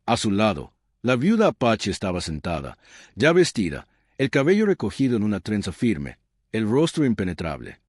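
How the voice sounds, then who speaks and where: A solemn male narrator with a low, lively-inflected voice, telling a dramatic scripted story. His delivery rises and falls widely through the phrases. The recording is dry and close, with no room sound. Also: moderate pace, no echo.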